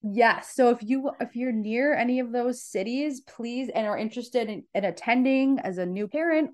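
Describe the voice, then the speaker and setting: A woman in her thirties, a sleep consultant, chatting casually as a podcast guest and often restarting her sentences. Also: medium pitch. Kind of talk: casual interview chat.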